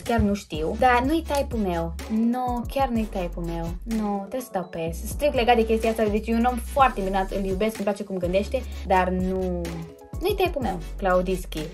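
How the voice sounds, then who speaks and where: Hosting her own YouTube vlog, a young woman chats casually but hesitantly, with plenty of fillers and self-corrections. Her voice is mid-range and a little mellow, with lively intonation, and there's music playing in the background.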